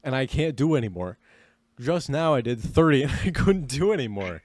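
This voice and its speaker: A man's voice: medium pitch, sing-song, moderate pace, background noise. A young man co-hosting a podcast in casual chat, tipsy, a bit out of breath, rambling and laughing. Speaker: podcast co-host.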